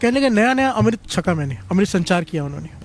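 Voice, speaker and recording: A man's voice: sits high, sing-song, quick pace, soft background music. A man preaching a Sikh storytelling sermon, calling the congregation to answer back again and again. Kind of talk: storytelling sermon with call-and-response.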